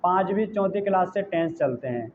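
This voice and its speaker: A man's voice: high-pitched, animated, brisk. A man teaching English tenses in a coaching class, scolding and teasing students directly. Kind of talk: classroom English grammar lesson. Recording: tinny phone-like classroom recording with faint noise.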